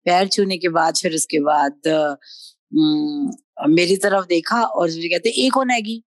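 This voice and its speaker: A middle-aged woman telling a personal devotional story in an animated way, switching between Hindi and English. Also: low-pitched, slow pace, no echo. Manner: lively storyteller mixing Hindi and English, acting out quoted speech. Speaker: devotee sharing a testimony.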